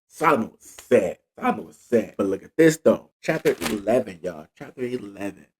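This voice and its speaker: A man casually retelling Bible stories and reading scripture, with slang asides and lively delivery. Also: fairly low pitch, normal speed, a little hiss or hum. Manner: animated retelling in slang, acting out quotes. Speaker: Bible teacher.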